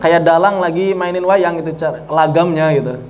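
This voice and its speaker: A man teaching an online tajwid lesson, explaining slowly and deliberately with repetition. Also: a little high, a little hiss or hum. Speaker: Quran recitation teacher.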